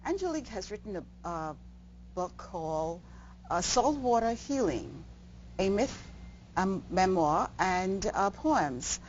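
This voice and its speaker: A woman's voice: medium pitch, sing-song, slow, a little mellow. A woman hosting a cable TV interview, hesitating with many ums and restarts. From Bahamas. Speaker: talk show host. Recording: dull audio, faint noise.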